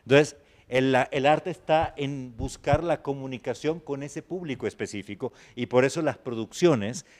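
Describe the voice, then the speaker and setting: A man's voice: mid-range voice, normal speed, darkish tone. A man teaching a master class on acting. He lectures conversationally and keeps checking in with the students. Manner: conversational, often asks "¿sí me explico?". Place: university classroom.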